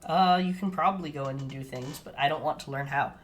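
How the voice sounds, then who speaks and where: A fast-talking podcast co-host with a medium-pitched voice chats casually on a live stream through a desk mic. Self-deprecating and flustered, they laugh through the technical troubles.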